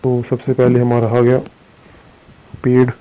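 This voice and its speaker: Flat-voiced Indian man teaching slowly. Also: medium pitch, dull audio. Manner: slow, repetitive explanation with frequent fillers. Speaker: shorthand teacher. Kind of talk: recorded lesson explaining on a board.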